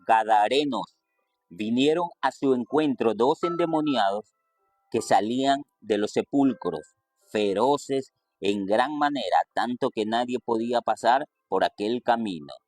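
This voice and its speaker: A man preaching a sermon, reading scripture and stressing quoted lines with sudden lifts in pitch. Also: unhurried, darkish tone, soft background music.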